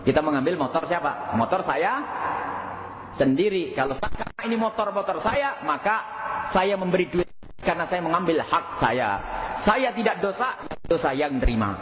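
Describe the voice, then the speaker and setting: Man preaching in a roomy hall. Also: sits high. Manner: animated storytelling, acting out quoted voices. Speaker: preacher answering questions. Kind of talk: sermon. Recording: roomy hall, dull sound, faint noise.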